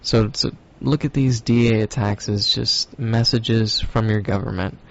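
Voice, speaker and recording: A man's voice: lowish voice, fairly even intonation, unhurried, gravelly, dull audio. A man hosting a casual stoner podcast, talking in a loose, rambling, profane way with lots of fillers. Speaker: podcast host.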